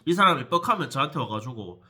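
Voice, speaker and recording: Lively, bright-voiced man. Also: medium pitch, quick pace. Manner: heated, profane, addresses viewers directly. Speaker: vlogger telling a personal story. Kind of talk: animated storytelling vlog.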